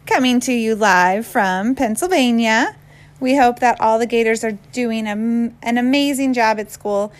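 An upbeat woman teacher reads the morning announcements for a school. Her voice sits a little high and stays cheerful from line to line. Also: a little slow.

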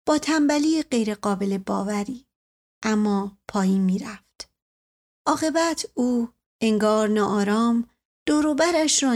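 A woman narrating a first-person story as an audiobook reader in a measured, even manner. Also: medium pitch.

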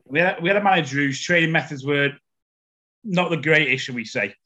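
A man's voice: on the high side, brisk, pushed and bright. A man hosting a casual podcast chat, telling stories in a chatty way and repeating words as he starts them. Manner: chatty storyteller, stammers when starting a story. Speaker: podcast host.

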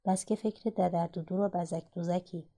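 A woman's voice: fairly low pitch, steady tone. A woman reading the part of a harsh middle-aged father who snaps at his family. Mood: gruff. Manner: harsh, shouting.

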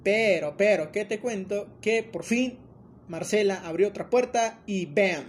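A man's voice: high voice, unhurried, a little hiss or hum. A man with a Mexican accent hosting a casual film recap, joking and telling it with lots of fillers. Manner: joking, animated storytelling with many fillers.

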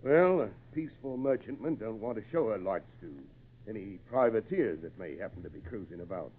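An actor playing a gruff, kindly old fisherman with salty, folksy talk in an old-time radio drama. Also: lowish voice, animated, a little fast, slight background noise, lightly acted. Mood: calm, wary. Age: older. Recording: muffled, narrow-band old radio recording.

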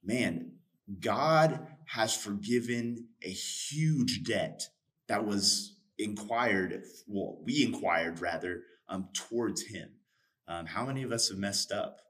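Low-voiced man retelling a parable. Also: takes it slowly. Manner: earnest, animated storytelling with voiced quotes. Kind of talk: casual faith discussion, retelling a parable.

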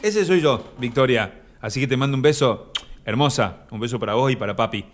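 A man with an Argentine accent hosting a comic live stream, reading comments aloud with deadpan absurd humor and sudden high shouted voices. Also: a little fast. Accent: Argentine Spanish. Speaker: comic host of an Instagram live.

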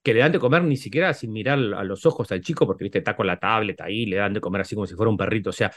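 A man's voice: lowish voice, very fast. A middle-aged Uruguayan man with a Rioplatense accent, a psychologist guest explaining at length in casual conversation, often adding tag questions and restarting phrases. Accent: Rioplatense Spanish, Uruguayan.

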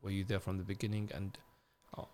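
A man from Iraq hosting a conversational interview, speaking in halting phrases with restarts and asking probing questions. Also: deep voice, completely flat delivery, warm tone.

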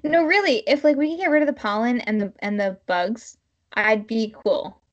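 A woman podcast co-host chatting casually and informally in a halting, filler-heavy way. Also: a little high, muffled recording.

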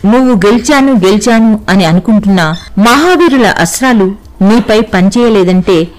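A woman's voice: mid-range voice, lively intonation, normal speed, darkish tone, lightly acted, low-quality recording. A woman voicing a devout male monkey god who explains patiently and reverently in a storybook reading. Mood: amused, explaining.

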